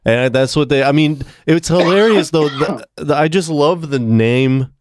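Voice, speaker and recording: A man's voice: a little high, unhurried, dry recording, studio quality. Joking, swearing man on a podcast. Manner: animated, swears, jokes around. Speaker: podcast host. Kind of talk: casual movie chat.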